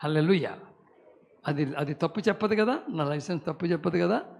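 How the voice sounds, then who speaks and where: An elderly male pastor in his late seventies delivers a fervent sermon in a notably high voice. He preaches emphatically, breaking into loud calls and dropping in English phrases. A long church-hall reverb trails every line. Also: fairly quick, vocal fry. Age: 70s.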